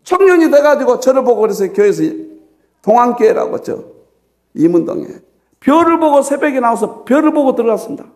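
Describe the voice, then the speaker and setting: A middle-aged male pastor preaching a sermon and telling a personal story with strong emotion, swinging from loud exclaiming to hushed whispers. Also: very high voice, big pitch swings, fairly quick. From South Korea. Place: church dawn service.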